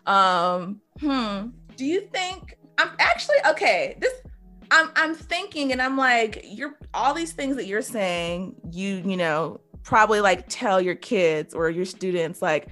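A woman hosting a casual interview whose questions come out halting, full of "like" and "you know" as she searches for words. Her pitch swings widely and expressively. Faint music sits under her voice. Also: animated, fairly bright tone.

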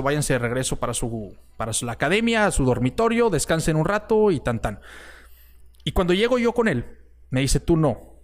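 A young man from Monterrey with a northern Mexican accent telling a personal story in a casual, slangy way, swearing often and tagging lines with filler questions. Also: fairly high pitch.

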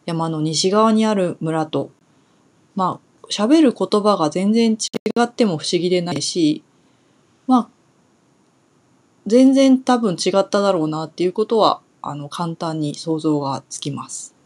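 A young woman from Kumamoto in Japan, talking through a relaxed solo Japanese lesson in a chatty way, pausing on soft fillers as she thinks aloud. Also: lowish voice. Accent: standard Japanese. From Kumamoto, Kyushu, Japan. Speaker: Japanese teacher.

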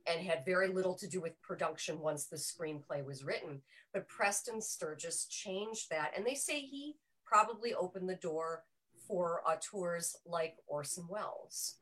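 A woman's voice: lowish voice, a little slow, a bit bright, low-quality recording. A woman on a film discussion panel, chatting casually and explaining history with frequent self-corrections. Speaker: panel member presenting a film pick. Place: small room with a group around one mic.

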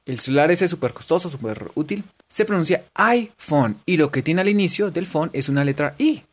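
A woman's voice: low-pitched, animated, moderate pace. A woman teaching English pronunciation in a playful, chatty, encouraging way. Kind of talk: casual online lesson.

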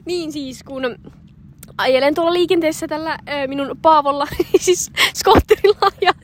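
A young woman co-hosting a casual chat, telling animated anecdotes with frequent laughter and fillers. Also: sits high, a little hiss or hum. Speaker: co-host.

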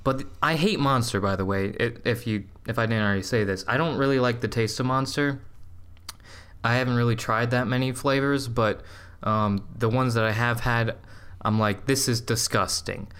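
A young man hosting a podcast in casual chat, rambling with laughs and halting starts. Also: mid-range voice, a bit bright, clear, resonant tone. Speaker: podcast host.

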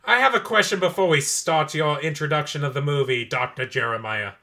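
A man voicing a haughty dark lord from another realm who plans a takeover and scorns mortals. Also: fairly high pitch, brisk, creaky. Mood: scheming. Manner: pompous, theatrical, scornful.

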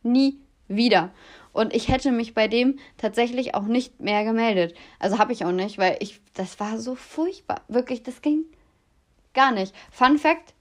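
A young woman in her twenties casually telling dating stories to her viewers, animated and dramatic, often laughing. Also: a little high, measured pace. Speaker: vlogger.

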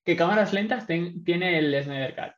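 A man's voice: sits high, normal speed, fairly bright tone. A man from chatting casually about a film, meandering and hedging in a laid-back way. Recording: echoey, dull lo-fi sound.

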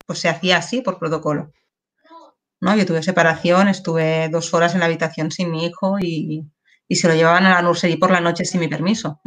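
A woman's voice: lowish voice, fairly bright tone. Candid woman telling her story. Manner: candid, emotional, with many tag questions and restarts. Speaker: interview guest. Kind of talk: personal testimony in an interview.

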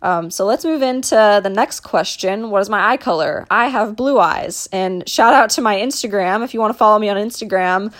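A young woman from Dallas, Texas hosts a casual solo podcast; she works as a mental performance coach. Her mid-range voice is a bit bright, moving at normal speed with few pauses, and she chats along with lots of ums and restarts.

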